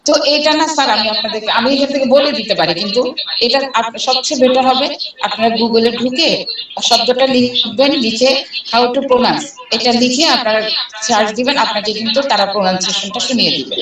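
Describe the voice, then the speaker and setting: Brief: Bangladeshi female English instructor, deliberate lecture delivery, recorded far off in a roomy space with a crowd. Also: fairly high pitch. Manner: slow, deliberate reading of English questions. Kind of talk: online class lecture. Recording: echoey room, far from mic, people talking. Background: students chiming in.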